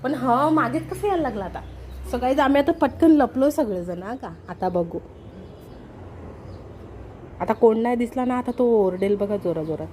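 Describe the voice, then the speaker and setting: A woman vlogging at home in casual chat, excited and playful as she talks to her viewers. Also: fairly high pitch, normal speed, long pauses, a little hiss or hum. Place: home with a sofa.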